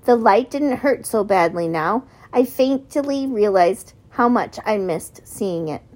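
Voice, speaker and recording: A woman reads a novel aloud as an audiobook narrator. Her voice sits at a middling pitch, and she gives each character only a small shift in voice. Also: expressive, slow pace, darkish tone. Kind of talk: audiobook reading.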